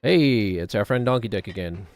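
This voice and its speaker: A man's voice: lowish voice, expressive, moderate pace. A middle-aged man giving casual, rambling game commentary in a wry, musing manner, often talking to himself. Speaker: gaming streamer.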